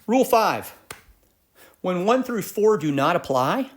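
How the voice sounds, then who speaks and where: A middle-aged man gives an instructional music lesson, his voice sitting a little high for a man. He works through each point methodically, restarting phrases as he thinks aloud. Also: sing-song, unhurried. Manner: methodical, explains step by step with frequent restarts. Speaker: music teacher.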